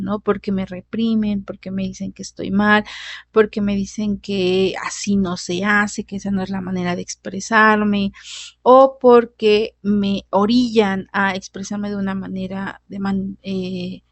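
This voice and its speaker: A woman's voice: medium pitch, no echo. A woman giving a conversational recorded class lecture, often adding tag questions and restarting sentences. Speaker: teacher.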